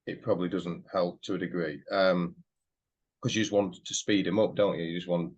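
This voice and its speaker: Deep-voiced man, hesitant, dull audio. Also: fairly even intonation, a little fast, slightly rough. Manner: hesitant, many fillers, thinking aloud. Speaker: podcast host. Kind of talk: casual conversational interview.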